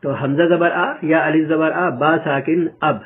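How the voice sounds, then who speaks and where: A man's voice: a little high, steady tone, a little hiss or hum. A man teaching an Urdu reading lesson, patiently repeating and spelling out letter sounds step by step. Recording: tinny phone-like audio.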